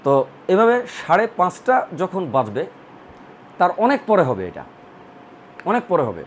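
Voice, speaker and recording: A man's voice: sits high, huge pitch swings, moderate pace, slight background noise. A man teaching a recorded math lesson, explaining step by step and repeating counts in rhythmic lists. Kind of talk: online admission-prep math lesson.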